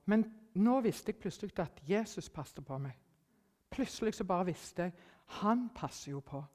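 Woman telling her story in a reverberant hall. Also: on the low side. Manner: lively storytelling, acting out her own thoughts, dropping to near whispers. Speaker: speaker giving a personal testimony. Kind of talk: personal testimony to an audience.

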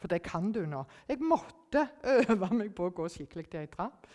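A middle-aged woman shares a personal testimony with an audience, acting out her own thoughts in a lively way and sinking now and then to a near whisper. Her voice sits at an ordinary pitch for a woman. It rings out with a long reverb, as if in a large hall. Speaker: speaker giving a personal testimony.

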